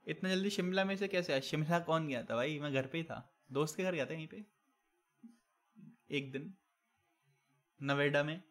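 A young male game streamer with a slightly high-pitched voice, reading the chat out loud. He ribs viewers with casual, joking banter and drops English catchphrases between his sentences. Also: normal speed, long pauses. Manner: teasing banter while reading chat aloud; mixes English catchphrases into Hindi.

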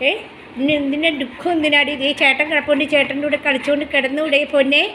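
A woman's voice: high-pitched, flat delivery, fast talker, bright, forceful tone, slight background noise, rough recording. A middle-aged woman chatting in a home vlog, coaxing her pet dog in baby talk. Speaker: vlogger. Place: home indoors.

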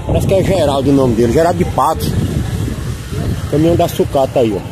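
A Northeastern Brazilian man with a high-pitched voice vlogs casually outdoors. He talks in a folksy, repetitive way as he tours a market, with clear street noise around him. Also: fast talker. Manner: folksy, repeats his phrases. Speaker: vlogger touring a street market. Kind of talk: casual vlog chat with stallholders. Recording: noisy outdoor street with traffic.

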